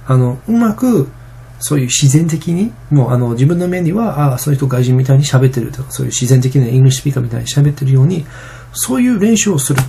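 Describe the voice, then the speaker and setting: Fast, gravelly, husky-voiced man. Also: on the high side, warm tone. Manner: rambling, many fillers and restarts. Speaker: vlogger. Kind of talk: casual vlog monologue.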